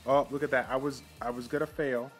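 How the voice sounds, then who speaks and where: Faint music sits under this phone-mic recording of a young mobile game host. His voice is mid-range, and he comments casually on his summons, now and then bursting out with excitement.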